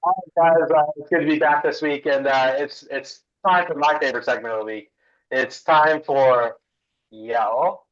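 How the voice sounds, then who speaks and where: A man's voice: on the high side, fairly even intonation, normal speed, lo-fi sound. A man co-hosting a sports podcast, cheerfully introducing a segment through a broken microphone that distorts and clips his voice. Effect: distorted, clipping broken microphone. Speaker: podcast co-host. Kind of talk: casual sports podcast chat.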